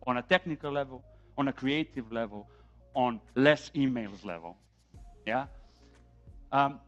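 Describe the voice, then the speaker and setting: Teaching a class about film sound, a middle-aged Serbian-accented man speaks animatedly, performs quotes from set, and keeps asking "yeah?" to check in. His pitch is medium, and the recording is muffled.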